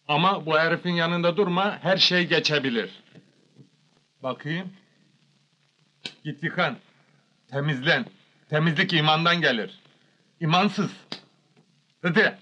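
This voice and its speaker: An actor playing a bossy, self-assured village doctor in a comedy film, with a brisk, commanding manner. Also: male voice, a little high, pushed and bright. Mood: brisk, dismissive. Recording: dull old film soundtrack.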